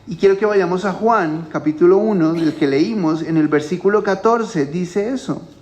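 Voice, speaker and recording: A man's voice: sits high, normal speed, darkish tone. A male pastor giving a Bible teaching at a home church, explaining things step by step and often checking in with his listeners.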